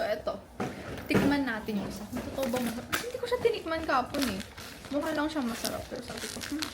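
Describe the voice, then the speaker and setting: Chatty high-voiced woman vlogging. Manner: chatty and excitable, talks straight to viewers. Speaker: travel vlogger. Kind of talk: casual vlog chat to camera. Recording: loud background music and crowd noise.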